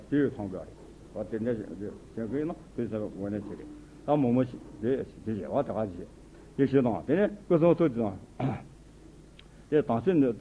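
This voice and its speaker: A man, a Buddhist teacher, giving an informal spoken commentary on a religious text in short, conversational phrases. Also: medium pitch. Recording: tinny phone-like sound with faint noise.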